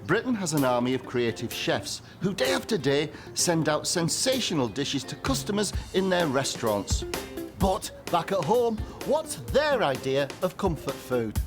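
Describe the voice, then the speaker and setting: A man's voice: fairly high pitch, big pitch swings, moderate pace. A middle-aged man hosting a cooking show, enthusing over the food as he makes it. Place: kitchen. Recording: music bed under speech.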